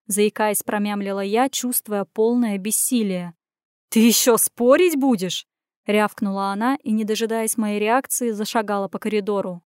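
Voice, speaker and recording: Expressive woman reading a first-person story. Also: medium pitch, normal speed, few pauses, clean tone, dry recording, clean studio sound. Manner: expressive, tense, acts out the dialogue.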